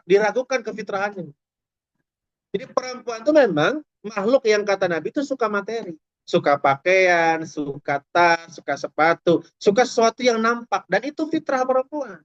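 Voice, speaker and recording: Speaking at normal speed with a high, expressive voice, a male Islamic preacher addresses the audience directly in a funny, conversational sermon. The recording is dull, dry and lo-fi, without echo.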